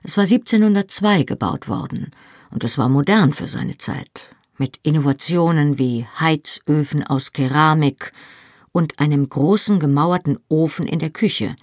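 An audiobook narrator reading a first-person historical novel calmly and evenly, close to the mic. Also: mid-range voice, measured pace, dry recording.

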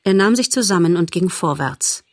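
A woman narrating a children's animal story in a measured, expressive audiobook reading. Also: fairly low pitch, dry recording, clean studio sound.

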